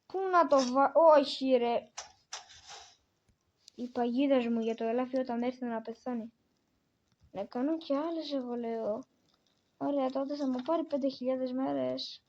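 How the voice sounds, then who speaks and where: Woman narrating her game out loud, high voice, kinda muffled recording. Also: steady tone, pauses often. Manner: talks to herself and the game, exclaiming often. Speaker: gamer. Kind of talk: casual gameplay commentary.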